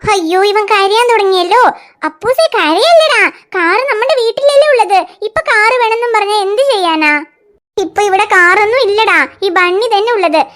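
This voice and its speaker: A woman's voice: very high-pitched, lively intonation, normal speed, fairly bright tone. A woman voicing a young cartoon mother who coaxes and soothes her crying toddler in a fretful, sing-song way. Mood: coaxing. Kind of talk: cartoon dialogue.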